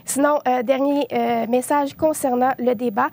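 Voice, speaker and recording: A young woman delivers a news report on social media reactions. Her voice sits quite high, and she stumbles and fills pauses often as she goes. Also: fairly even intonation, creaky, darkish tone. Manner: hesitant, many filler sounds.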